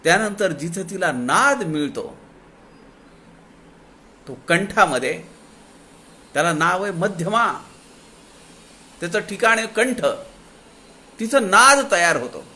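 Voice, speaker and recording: Lively, bright-voiced man giving a discourse. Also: sits high. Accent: Marathi. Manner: slows to draw out quoted verses. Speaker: spiritual discourse speaker. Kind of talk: devotional discourse explaining scripture.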